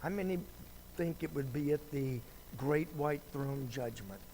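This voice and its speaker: A man teaching a Sunday Bible lesson in a slow, conversational preaching style, with dry sarcastic asides. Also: on the high side, darkish tone, a little hiss or hum, poor audio.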